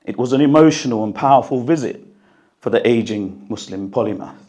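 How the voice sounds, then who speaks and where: A British author, his voice croaky and strained while it recovers, talks to an audience at his book launch in a hall and reads an excerpt into a handheld microphone. He sounds earnest and reflective with the odd cough, speaking a little fast in a mellow, mid-range voice, and the recording's highs are cut off.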